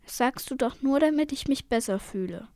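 A woman's voice: sits high, lively intonation, normal speed, a little mellow, dry recording, studio quality. A woman voicing a young girl, an anxious and caring twin who speaks with emotion and pleading. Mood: sad.

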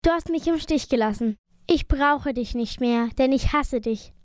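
A woman's voice: sits high, moderate pace, no echo, studio quality, lightly acted. A woman reading a story aloud, voicing the narrator's schoolgirl best friend. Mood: cold. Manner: eager then cold. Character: girl's best friend turned cold.

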